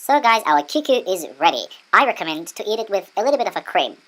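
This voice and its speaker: A woman's voice: medium pitch, very animated, fast talker, a bit bright, slight background noise. A woman presents a casual cooking tutorial in a playful, sassy manner with teasing asides. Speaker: home cooking vlogger.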